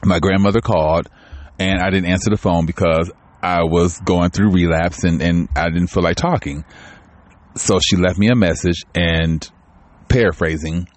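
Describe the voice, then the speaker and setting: A man's voice: sits low, steady tone, normal speed, dry recording. A man talking candidly in a home vlog, rambling with many restarts and growing tearful. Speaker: channel host. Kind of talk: casual personal vlog talk.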